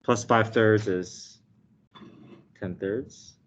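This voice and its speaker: Low-voiced man teaching math, muffled sound. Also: steady tone, drawn-out words, a little hiss or hum. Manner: explanatory, checks in with "okay" and "right". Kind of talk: step-by-step calculus lesson. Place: indoors, desk with document camera. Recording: dull, slightly muffled online lesson audio.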